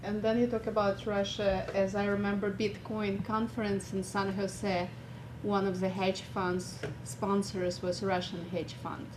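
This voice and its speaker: A woman in the audience asking the panel a question, inquiring and slightly halting. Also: medium pitch, level tone, noisy background.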